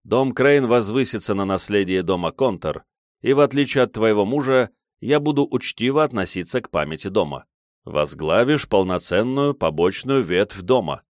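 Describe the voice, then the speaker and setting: A man voicing a young clan head who speaks in a flat, indifferent, commanding tone. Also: fairly low pitch, moderate pace, no room sound, studio quality, lightly acted. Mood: cold. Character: cold young male clan head, calm, steely.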